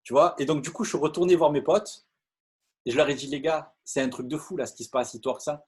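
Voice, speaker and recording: Husky, excitable middle-aged Frenchman. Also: on the high side, fast talker. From France. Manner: lively, repeats words and stumbles, many fillers. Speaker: network marketing speaker. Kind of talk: animated storytelling talk to an audience.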